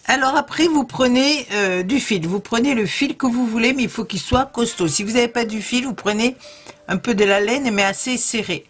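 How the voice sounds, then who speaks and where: A woman's voice: a little high, moderate pace, slightly rough. Chatty southern French woman crafter. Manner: chatty, hesitant, many fillers. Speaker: crafting video host. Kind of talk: casual craft tutorial.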